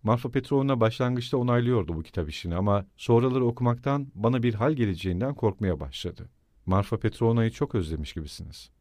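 A man's voice: mid-range voice, expressive, fast talker, a little mellow, dry recording, clean studio sound, close to an everyday voice. A man voicing a brooding, eerie, absent-minded middle-aged landowner in an audiobook reading, with a musing, rambling delivery.

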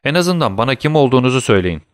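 A man's voice: mid-range voice, big pitch swings, very fast, dry recording, studio quality, natural voice. A man voicing a desperate young sailor locked in a dungeon, pleading and exclaiming in a slightly raised voice, in an audiobook reading.

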